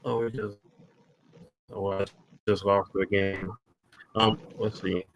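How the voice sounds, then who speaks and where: A man hosting a casual livestream call, talking haltingly with many fillers and restarts while he sorts out the connection. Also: on the low side, flat delivery, gravelly, dull audio, slight background noise. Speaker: livestream host.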